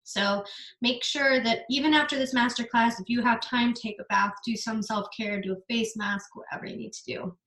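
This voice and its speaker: A woman's voice: on the high side, normal speed. Earnest young woman coaching in an echoey room. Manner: earnest, energetic, casual with occasional swearing. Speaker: business coach giving a masterclass. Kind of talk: casual online masterclass.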